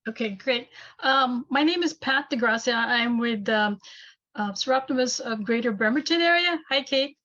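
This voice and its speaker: Woman, high bright voice, informal meeting introduction over a lo-fi video call. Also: normal speed. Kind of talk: casual introduction in a group meeting.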